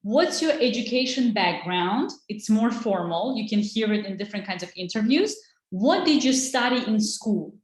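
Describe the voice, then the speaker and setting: A woman's voice: a little high, animated, normal speed, reverberant. A woman, teaching an online English lesson in an encouraging way. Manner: encouraging, switches between English and Azerbaijani.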